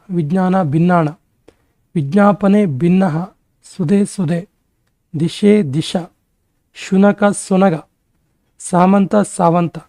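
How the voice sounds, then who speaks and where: A male exam-prep teacher giving a grammar lesson, briskly rattling off word lists. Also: high voice, dark tone, dry recording.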